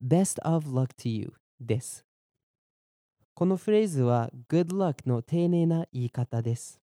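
Slightly high with lively intonation and a warm tone, this young man, born in Germany and raised in Boston, teaches Japanese and English phrases as a podcast language teacher. He explains clearly and steadily, slows for repeat drills, and is recorded dry at studio quality.

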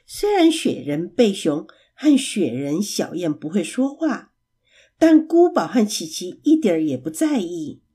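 A woman reading a children's story aloud in a gentle, expressive way. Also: fairly low pitch, measured pace, slightly rough.

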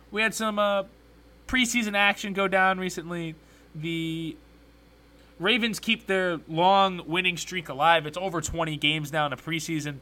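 Guy hosting a sports podcast, forceful bright voice, rambling hot takes. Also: on the high side. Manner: opinionated, rambling, conversational. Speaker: podcast host. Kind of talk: casual sports talk commentary.

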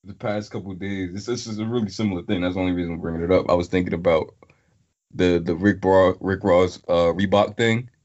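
A man's voice: sits low, steady tone, fast talker, darkish tone, lo-fi sound. A man bantering casually about music with friends, slangy and profane.

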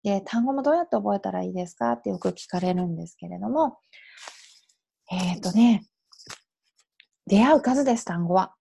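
A woman's voice: medium pitch, expressive, fairly quick, gravelly, pauses often, warm tone, husky. A Japanese woman in her thirties hosting a solo podcast as an English coach, explaining in a chatty way and dropping in little affirming asides. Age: 30s. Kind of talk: casual solo podcast advice.

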